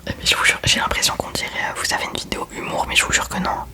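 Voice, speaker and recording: A young woman whispering casual ASMR chat into a close microphone while doing her makeup at home, chatty and self-mocking. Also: rapid-fire. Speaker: ASMR creator.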